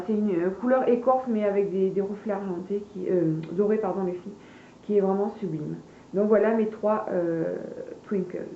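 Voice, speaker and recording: A woman beauty vlogger chatting casually through a product haul, hesitant with many fillers and addressing her viewers as girls. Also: medium pitch. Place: room at home, party noise from below. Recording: echoey room, dull lo-fi sound, faint party noise.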